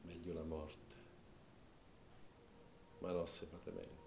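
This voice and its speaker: Slow, low-voiced Sicilian man reciting dramatically. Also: completely flat delivery, gravelly, noisy background. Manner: theatrical, swinging from hushed to loud. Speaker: poetry reciter. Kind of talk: dramatic recitation of dialect poetry. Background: music.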